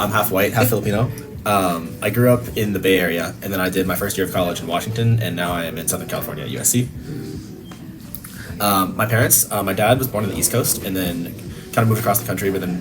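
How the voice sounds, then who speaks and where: A man in his early twenties introducing himself briskly and casually, with fillers. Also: deep voice, over music. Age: 20s. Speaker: interviewee. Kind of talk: casual interview answers.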